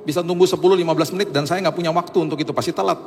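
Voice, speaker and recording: A male pastor preaching with an animated, humorous storytelling manner. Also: a little high, rapid-fire. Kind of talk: sermon storytelling. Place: church auditorium. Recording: long reverb from a church hall.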